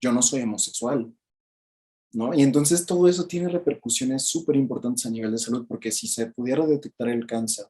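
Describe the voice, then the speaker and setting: A man with a Mexican Spanish accent gives a chatty, casual book commentary, keeps asking "¿no?" and jumps up in pitch to act out quoted people. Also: brisk, hardly any pauses, mellow. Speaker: book reviewer.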